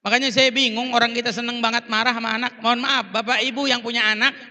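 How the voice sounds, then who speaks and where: High, bright-voiced preacher. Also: male voice, flat delivery, fast talker. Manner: storytelling, acting out quoted dialogue; addresses audience directly, apologetic asides. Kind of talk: Islamic sermon at a Maulid event. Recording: reverberant hall PA sound.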